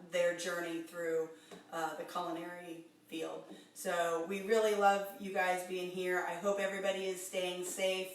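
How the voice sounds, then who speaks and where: A woman's voice: lowish voice, echoey room, far from the mic. A woman chef hosting a casual live cooking demo, chatty and upbeat with many fillers. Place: kitchen.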